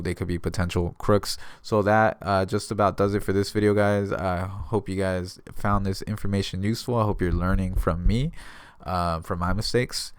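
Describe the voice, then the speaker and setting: With a smooth, low-pitched voice and no echo, an American man from the San Diego area casually addresses viewers. Acting as a notary offering advice, he explains things in a conversational instructional vlog by retelling exchanges.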